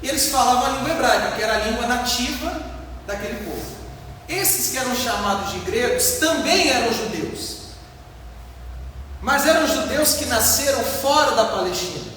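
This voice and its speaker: A Brazilian pastor preaches, explaining a Bible passage in a didactic, emphatic style full of rhetorical questions and repeated points. His voice is extremely high-pitched, animated and a bit bright, at a moderate pace. The recording comes from a distant mic in an echoey hall, with faint noise.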